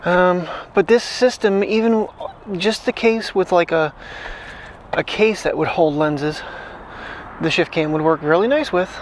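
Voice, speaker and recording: A man's voice: sits high, a little slow, a little hiss or hum, low-quality recording. Rambling man vlogging into his phone. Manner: rambling, thinking aloud with restarts. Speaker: daily vlogger. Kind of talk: casual vlog chat. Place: outdoors at night, walking a dog. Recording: direct phone mic audio.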